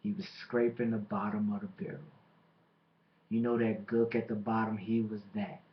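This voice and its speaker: A man delivering a boastful, taunting wrestling promo as a monologue, with deliberate dramatic pauses. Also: fairly low pitch, level tone. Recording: dull lo-fi microphone recording.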